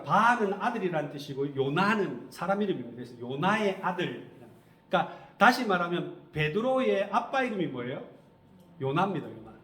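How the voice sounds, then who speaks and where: A man's voice: high voice, a bit bright. A middle-aged male pastor preaching a sermon, asking the congregation questions and answering them himself. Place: church sanctuary. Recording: echoey church hall.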